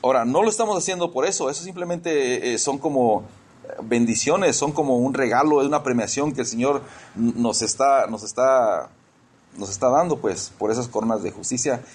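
A man's voice: medium pitch, moderate pace, a little mellow, slightly rough. A man preaching a conversational sermon in church, often repeating words as he searches for the next one.

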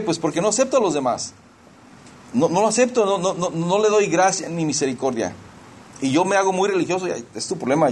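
A man's voice: fairly high pitch, darkish tone, slight background noise. A middle-aged man preaching a sermon in a conversational way, slipping into English phrases and often restarting his sentences. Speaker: pastor.

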